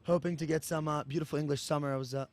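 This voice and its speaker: Male sports commentator, fairly high-pitched, technical play-by-play delivery. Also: fairly even intonation, rapid-fire. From Australia.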